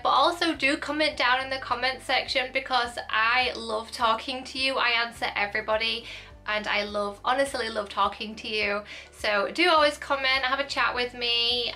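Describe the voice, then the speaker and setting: Young woman, bright high voice, gushing rambling haul-video chatter, soft music underneath. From United Kingdom. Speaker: thrift haul vlogger.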